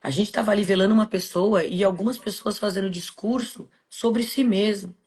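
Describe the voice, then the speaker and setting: Soft-spoken Brazilian woman telling a story. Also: medium pitch, fairly even intonation, brisk, breathy edge. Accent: Brazilian Portuguese. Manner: soft, subdued, heartfelt. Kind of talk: personal storytelling in podcast chat.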